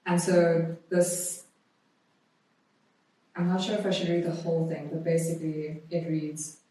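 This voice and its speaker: Recorded at some distance in a strongly reverberant room, a woman with a low, soft, mellow voice speaks as a podcast guest. Her delivery is measured, deliberate and monotone, shifting between conversational interview talk and reading a historical notice aloud.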